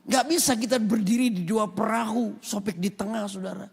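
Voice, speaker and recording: A male pastor with an Indonesian accent delivers a sermon, urging the congregation to answer amen. His voice sits high and has a husky, gravelly edge. It rings out through a large hall with a long echo. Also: fairly even intonation, moderate pace. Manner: emphatic, calls for amen responses. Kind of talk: sermon with acted anecdotes. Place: large rooftop church hall.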